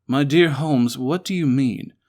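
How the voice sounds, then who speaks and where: A man playing a concerned, puzzled Victorian gentleman doctor in a one-man audio drama, formal and questioning. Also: mid-range voice, unhurried, close to an everyday voice.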